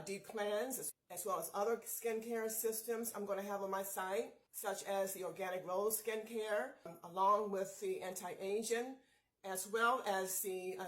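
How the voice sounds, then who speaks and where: A woman's voice: medium pitch, poor audio. Chatty woman beauty vlogger. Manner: chatty, often addresses viewers as you guys; upbeat, encouraging pep talk. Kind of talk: casual skincare tutorial.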